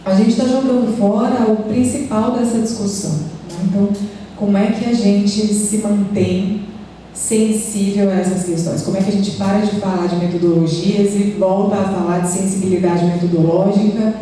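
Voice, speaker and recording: A Brazilian woman speaks on a university panel, her voice very dark and mellow. She reflects aloud with frequent pauses, restarts and tag questions. She is heard from a distance in a large amphitheater with a long, roomy reverb. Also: mid-range voice, steady tone. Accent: Brazilian Portuguese. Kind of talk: academic panel discussion. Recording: echoey hall, distant mic, faint noise.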